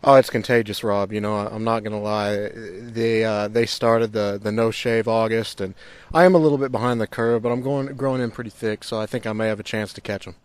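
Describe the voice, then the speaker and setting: A man's voice: lowish voice, fairly even intonation, a little fast, clean tone, dry recording. A man, a ballplayer, answering teasing questions in a good-humored, sheepish way. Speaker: baseball player. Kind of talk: casual interview answer.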